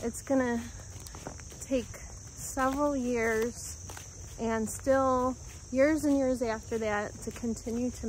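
Slow, calm woman on a nature walk. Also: fairly high pitch, slight background noise, rough recording. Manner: calm, unhurried, pausing often. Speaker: homestead vlogger. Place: outdoors in woods by a creek. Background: faint insects and outdoor ambience.

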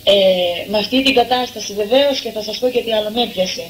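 An older woman tells her own story in an earnest, heartfelt testimony. Her voice sits a little high, and a faint hiss runs under it. She slips into the voices of the people in her story as she goes. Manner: earnest, acts out the lines of others. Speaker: testimony giver.

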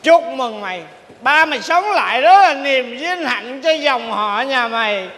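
A boastful, tipsy drinker makes pompous speeches in a very high, bright voice. He is heard on a stage comedy sketch with long hall reverb and faint noise behind. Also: expressive, measured pace, full character voice. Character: boastful tipsy man leading a drinking round.

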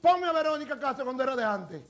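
A man's voice: very high voice, sing-song, quick pace, heavily acted. A man playing a flamboyant woman who presents TV gossip. He talks in a camp, theatrical way and calls everyone "my love" in a TV studio with faint music behind. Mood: gossipy. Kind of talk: sketch comedy gossip segment.

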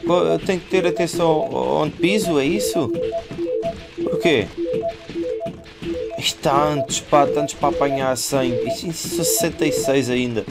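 A man with a European Portuguese accent giving live horror game commentary, full of panicky exclamations and rapid repeated words. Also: on the high side, creaky, over loud music. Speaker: gaming video creator.

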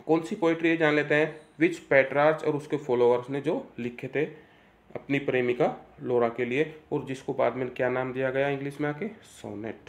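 A man giving an exam-prep literature lecture, reading English lines slowly, explaining them, and asking and answering his own questions. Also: medium pitch. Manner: reads English lines slowly, then repeats key terms.

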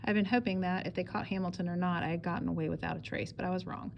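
A woman's voice: on the low side, fairly even intonation, racing, vocal fry, highs cut off, a little hiss or hum. A woman reading a first-person memoir aloud in a plain, matter-of-fact way. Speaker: audiobook reader.

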